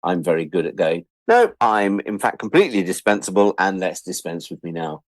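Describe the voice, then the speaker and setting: Deep-voiced and a touch quick, this middle-aged man from England has a sing-song lilt on a dry recording. He reflects casually as an interview guest, self-deprecating and wry, performing the quotes he imagines.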